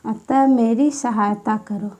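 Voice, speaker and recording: This exam-prep grammar teacher dictates at a slow pace, repeating each word again and again. Her high voice has a soft, mellow quality and fairly even intonation, and she takes her time with every phrase.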